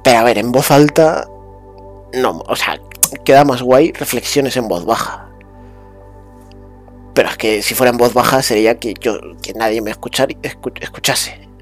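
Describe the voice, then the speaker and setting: A man from muses aloud, full of restarts and little fillers. He drifts between a hushed murmur and a brighter, livelier tone. Faint music plays underneath. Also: medium pitch. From Spain. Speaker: vlogger. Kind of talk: rambling casual monologue.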